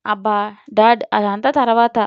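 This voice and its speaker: A woman voicing a breezy, caring young daughter in a storybook reading, talking briskly and reassuringly. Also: mid-range voice, fairly even intonation, clean tone, no echo, close to an everyday voice. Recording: dull lo-fi, dry.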